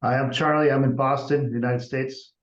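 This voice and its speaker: A man's voice: medium pitch, fairly even intonation, moderate pace. A man introducing himself as a language student on a video call, joking at his own expense. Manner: self-deprecating, joking. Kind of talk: casual self-introduction. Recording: echoey, muffled video-call audio.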